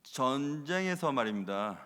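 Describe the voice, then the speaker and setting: A man preaching a sermon as pastor at live worship, acting out quoted lines with loud bursts and mixing in short English phrases. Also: medium pitch, expressive, measured pace. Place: church sanctuary during live worship. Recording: long hall reverb from church sanctuary.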